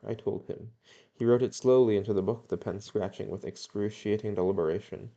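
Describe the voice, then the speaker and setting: A man's voice: fairly low pitch, fairly even intonation, fairly quick, gravelly, mellow, lo-fi sound. A young man reading a novel aloud in a plain way, with occasional stumbles and self-corrections. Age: young adult. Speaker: reader.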